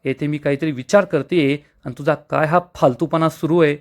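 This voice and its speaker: A man's voice: fairly high pitch, fairly even intonation, normal speed, natural voice. A man reading the lines of an arrogant, hot-tempered young woman in a rude, defiant way. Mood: scornful.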